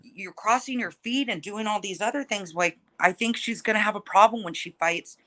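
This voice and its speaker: A woman's voice: mid-range voice, normal speed, sharp tone. A woman fighter talking casually in an interview, feisty, combative and blunt, swearing freely as she talks trash.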